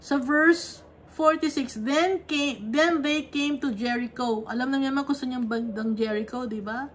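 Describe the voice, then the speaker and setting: A woman's voice: high-pitched, unhurried, a little hiss or hum. A woman leading a conversational Bible study, reading verses and explaining them, often checking in with her listeners. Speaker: Bible teacher.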